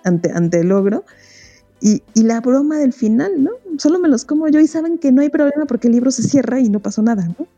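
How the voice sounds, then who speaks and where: A woman's voice: a little high, brisk, no room sound, highs cut off, soft background music. A Mexican woman, a guest on a podcast, chatting casually about children's books and animatedly retelling their stories. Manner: animated storytelling, acting out book characters. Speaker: guest expert on children's reading. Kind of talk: casual interview chat.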